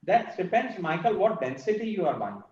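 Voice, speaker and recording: A man's voice: high voice, sing-song, normal speed. A man speaking bluntly about imports in an online meeting. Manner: blunt, direct. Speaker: furniture importer. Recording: distant echoey lo-fi call audio.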